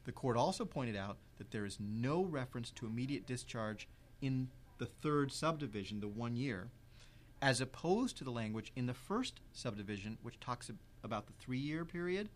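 A man explaining legal rules in an interview, measured and precise, stressing key words. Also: medium pitch, expressive, slight background noise. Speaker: legal expert guest.

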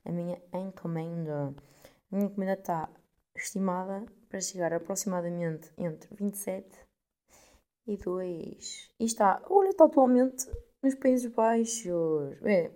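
A woman of twenty-one with a European Portuguese accent, telling a story to her podcast listeners in a casual, animated way, swearing freely and acting out the people she quotes. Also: lowish voice. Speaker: podcast host.

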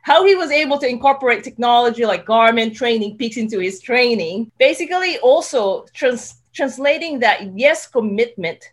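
A woman hosting a casual interview, chatty and quick to laugh, often restarting her words. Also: fairly high pitch, lively intonation. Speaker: podcast host.

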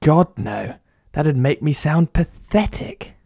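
A man's voice: on the high side, expressive, slow pace, gravelly, dark tone, dry recording, studio quality. Pompous, flustered male writer. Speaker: podcast writer and narrator. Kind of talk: comic storytelling dialogue.

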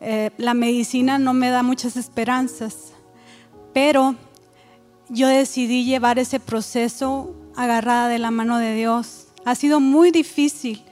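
A woman giving an earnest, emotional church testimony, pausing often with fillers. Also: on the high side, fairly even intonation, a little mellow. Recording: reverberant hall with faint music.

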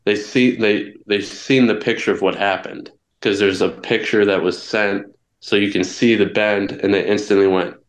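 A man's voice: lowish voice, steady tone, normal speed. A young man being interviewed, telling his story candidly, with frequent restarts and fillers. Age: young adult. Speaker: guest wrestler. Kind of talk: casual interview. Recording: echoey room.

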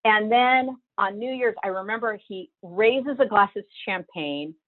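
A woman's voice: medium pitch, unhurried. A middle-aged woman telling her own story as a guest, vivid and emotional, acting out what she thought back then. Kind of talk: personal storytelling. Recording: tinny phone-like line.

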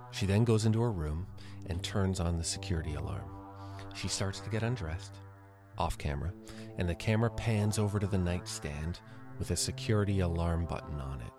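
Guy with a really low voice doing a podcast recap, dry sarcastic jabs, music blasting under him. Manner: wry, sarcastic asides. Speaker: podcast host. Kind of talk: casual episode recap. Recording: loud music behind the voice.

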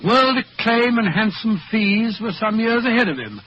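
High-voiced elderly British Doctor Watson. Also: male voice, animated, moderate pace. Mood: grave reminiscing. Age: older. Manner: avuncular, old-fashioned storyteller. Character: elderly, genial, lonely English doctor reminiscing. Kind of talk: 1940s radio acting. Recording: dull, hissy 1940s radio recording.

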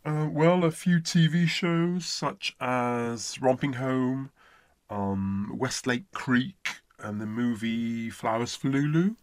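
A man's voice: mid-range voice, slow, no room sound. A man from Essex, an accent coach in a comedy sketch interview, talking in a pompous, self-important way. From Essex, England.

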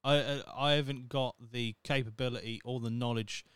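A thirty-year-old man hosts a casual solo podcast, rambling in a wry, self-mocking way and swearing freely. His medium-pitched voice has fairly even intonation, a moderate pace, and a fairly bright, clean tone, recorded in clean studio sound with no room sound.

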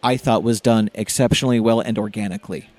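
A man's voice: lowish voice, fairly even intonation, fast talker, a little mellow. A man on a podcast panel giving a thoughtful, analytical take on a video game in casual conversation. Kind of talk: casual review chat.

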